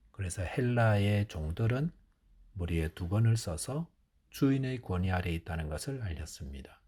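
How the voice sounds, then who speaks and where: A male pastor giving a measured early morning sermon in a church, asking rhetorical questions as he explains a scripture passage. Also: on the low side, warm tone, breathy edge.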